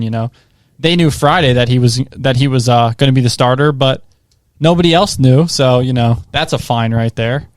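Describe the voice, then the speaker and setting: A young man co-hosting a casual sports podcast, excitable and rambling with lots of "like" and "I think". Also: medium pitch, dry recording, clean studio sound. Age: young adult. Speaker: co-host.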